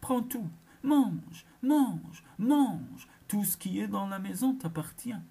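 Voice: medium pitch, sing-song, normal speed, a little mellow, husky, pitched below the performer's own voice. A reader putting on a menacing old witch. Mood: shrieking. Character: wicked old witch woman surrounded by flames.

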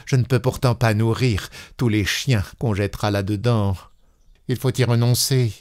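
A man's voice: fairly high pitch, moderate pace, dark tone, no echo, clean studio sound, pitched above the performer's own voice, natural voice. A man putting on a stingy, sour older lady. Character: stingy sour-tempered older woman, easily outraged. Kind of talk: storybook reading.

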